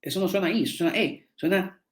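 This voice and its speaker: A man's voice: high voice, fast talker. A man teaching a seminar, explaining slides and often repeating and restarting words as he checks in with his listeners. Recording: echoey room.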